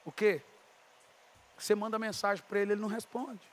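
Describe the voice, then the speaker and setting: A Brazilian man preaching a sermon as a pastor, telling a story and acting out both sides of the dialogue, at times building to shouts. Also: high voice, steady tone, brisk. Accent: Brazilian Portuguese. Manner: storytelling, voicing God and others in dialogue, rising to shouts.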